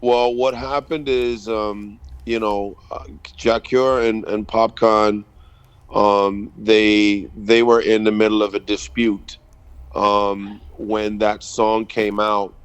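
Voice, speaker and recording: Pausing often on ums, a Bahamas-born reggae artist and producer in his thirties answers questions in a casual radio interview at a measured pace. The voice is fairly low and flat with little rise and fall, and it sounds smooth and clean.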